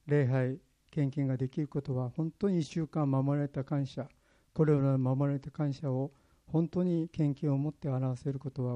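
A man's voice: mid-range voice, dark tone. A pastor from Kyushu, Japan, preaching a sermon in an earnest way, sharing his own stories. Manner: earnest, personal storytelling.

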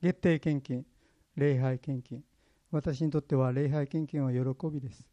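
Very mellow earnest man preaching. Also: medium pitch, fairly even intonation, unhurried, highs cut off. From Kyushu, Japan. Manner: earnest, personal storytelling. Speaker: pastor. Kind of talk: sermon.

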